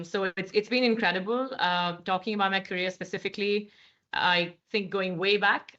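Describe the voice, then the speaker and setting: This podcast guest is a managing director in her thirties with an Indian accent, her voice on the low side and sharp in tone. She speaks articulately but with many fillers and restarts. The lo-fi sound is slightly dull.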